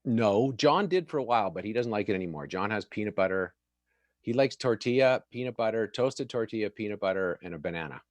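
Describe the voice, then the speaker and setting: Chatty, laughing man host with a low voice. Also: animated, brisk, no room sound. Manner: laughs often, chatty, self-deprecating. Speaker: show host. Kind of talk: casual chat.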